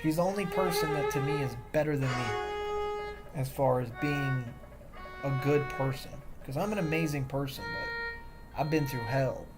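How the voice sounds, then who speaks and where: Guy rambling on stream, bragging and defensive, loud music under him. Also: medium pitch, normal speed. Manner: boastful and defensive, repeats himself. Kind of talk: rambling livestream monologue.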